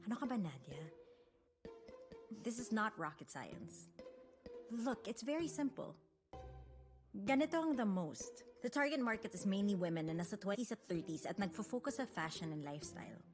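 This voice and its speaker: A woman dubbing a brisk, businesslike magazine boss who explains things in a matter-of-fact way. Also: mid-range voice, lively intonation, music in the background, natural voice. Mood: explaining. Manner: brisk, explanatory, mixing English in.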